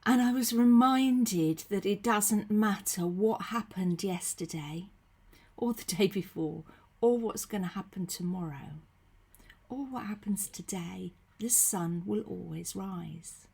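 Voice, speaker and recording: This is a faith leader with a cold, her husky, croaky voice sitting at medium pitch as she slowly delivers a brief devotional. She talks to her computer webcam from her room at home in a gentle, conversational way, often saying um and slipping in soft asides.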